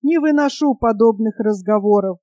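A woman voicing a touchy, forgetful female jay with a scratchy, creaky voice in a storybook tale. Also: a little high, normal speed, mellow, no echo, muffled recording, lightly acted. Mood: huffy.

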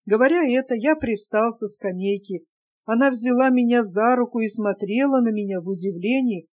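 Mellow-voiced woman reading a classic novel. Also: on the high side, moderate pace. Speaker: audiobook reader. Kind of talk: literary audiobook narration.

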